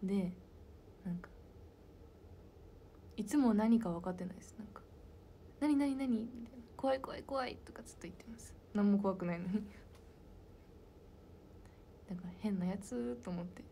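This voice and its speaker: A young woman, a member of an idol group, chatting casually with fans and answering their questions, soft-spoken and slipping into whispered asides. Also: medium pitch, normal speed, pauses often, a little hiss or hum.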